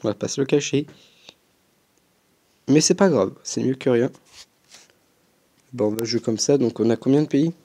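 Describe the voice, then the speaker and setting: Playing a football game, a young man who makes gaming videos on YouTube talks through it casually and hesitantly in a warm, medium-pitched voice, with frequent pauses and fillers as he thinks aloud.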